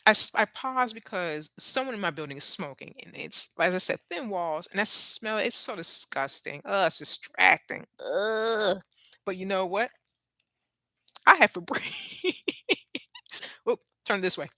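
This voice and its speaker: Lively, chatty woman with a bright voice. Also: medium pitch, normal speed, hardly any pauses, no echo. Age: 40s. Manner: chatty, laughs often, trails off. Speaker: YouTube livestream host. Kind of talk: casual chat on a livestream. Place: apartment with thin walls.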